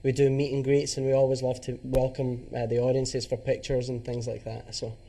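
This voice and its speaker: A man's voice: medium pitch, completely flat delivery, fairly quick, warm tone. A man from Scotland with a Glasgow accent, chatting upbeat as a tribute performer on morning TV. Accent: Scottish, Glasgow. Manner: upbeat, chatty, laughs easily. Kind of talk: morning TV interview.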